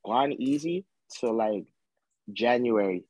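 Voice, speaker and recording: A man's voice: mid-range voice, lively intonation, unhurried, darkish tone, slight background noise. A young man in casual sports banter, speaking in a slangy, emphatic, argumentative way as a panelist.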